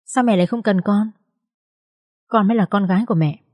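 A wounded young adult daughter in a spoken storybook, sobbing as she pleads with her mother, voiced by a woman narrator. Her voice is mellow and warm, recorded close and dry. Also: medium pitch, fairly quick, dry recording, lightly acted. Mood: pleading.

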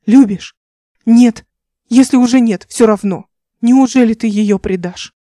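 A woman's voice: medium pitch, steady tone, measured pace, dark tone, no room sound, studio quality, lightly acted. A woman reading the part of a passionate young male crewman who speaks in a heated, pleading way in an audiobook.

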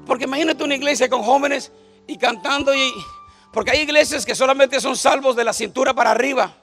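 A man's voice: very high voice, fairly quick, vocal fry, fairly bright tone, faint music behind. A man, preaching a joking sermon to a church congregation and often calling out to them for agreement. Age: 50s. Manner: joking, calls out to the audience with repeated "right?".

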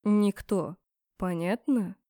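A woman voicing a brooding, possessive male mage rector who murmurs slowly and huskily. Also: mid-range voice, no room sound, studio quality, close to an everyday voice. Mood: hushed, possessive. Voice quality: husky. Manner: slow hushed murmur.

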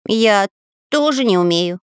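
A woman's voice: medium pitch, lively intonation, measured pace, clean tone, dry recording, studio quality, natural voice. Casting: skittish storybook spy, voiced by a woman, cautious and easily startled. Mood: nervous. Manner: nervous, cautious. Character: jumpy timid male spy.

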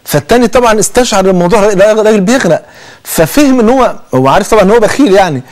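Egyptian guy preaching quick n chatty, kinda high voice, lots of oaths. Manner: animated storytelling with frequent oaths. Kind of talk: conversational sermon.

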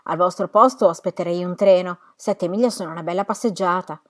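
A woman voicing a shy, lonely shopkeeper who grows lively in conversation, read from a novel. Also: fairly low pitch, brisk, lightly acted.

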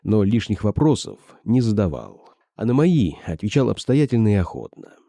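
Deep, dark-voiced male audiobook narrator. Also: very animated, vocal fry, dry recording. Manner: measured, storytelling delivery that shifts into character dialogue. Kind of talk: first-person audiobook narration.

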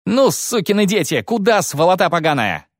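A man's voice: on the high side, expressive, normal speed, no echo, clean studio sound, voice pushed up, natural voice. A man voicing a grim, battle-hardened male commander who bellows orders and curses. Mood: roaring.

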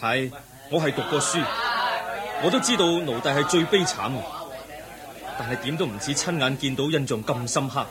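An actor playing the young prince Siddhartha in a radio play, earnest and indignant. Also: male voice, medium pitch, normal speed, pauses often, lightly acted. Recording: market crowd sound effects behind. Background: crowd murmur.

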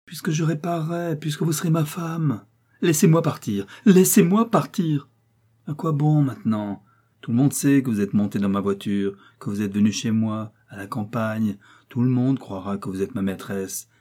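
A man's voice: moderate pace, warm tone, natural voice. A man playing a menacing aristocratic count. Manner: insistent, gloating, low and possessive.

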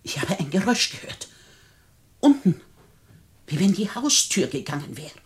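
A woman's voice: mid-range voice, sing-song, moderate pace, close to an everyday voice. An actress playing an eccentric, bedridden rich old woman who talks in a teasing, imperious way in a radio play. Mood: alarmed.

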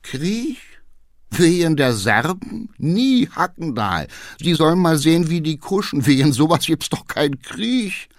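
Guy reading an audiobook doing a fussy old councillor, higher voice, genteel but goes shrill. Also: normal speed, dry recording, clean studio sound, exaggerated voice. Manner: shrill when alarmed, genteel when calm. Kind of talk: audiobook character voice.

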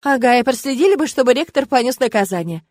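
A woman's voice: high-pitched, expressive, fast talker, darkish tone, no room sound, pitched above the performer's own voice. A woman voicing a curious, gossipy young female student.

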